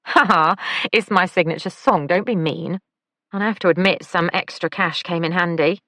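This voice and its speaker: A woman's voice: fairly low pitch, normal speed, sharp tone, no echo. A woman voicing a flamboyant, playful young male pastry chef in an audiobook. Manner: playful, camp, teasing.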